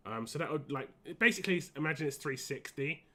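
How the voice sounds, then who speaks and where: A man chats casually on a gaming live stream, rambling and stopping to restart. His voice is a little high and forceful in tone, with the wheezy, short-winded sound of someone fighting a cold. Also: lively intonation, fast.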